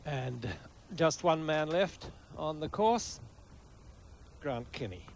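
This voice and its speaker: A male golf commentator calls play in short, clipped phrases. His voice is gravelly and a bit high, over faint background noise. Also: animated, takes it slowly.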